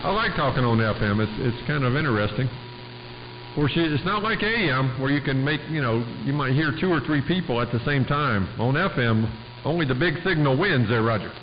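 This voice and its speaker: A man on a two-way radio keeps up easygoing banter with fellow operators, drifting along in a homespun manner laced with ham jargon. His voice is medium-pitched and animated at a normal speed. Static is clearly audible through the muffled transmission.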